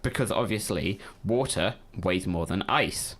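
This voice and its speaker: A man's voice: low voice, a little slow, a bit bright. A young man co-hosting a casual science chat, explaining things patiently and slipping in dry jokes. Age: young adult. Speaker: co-host.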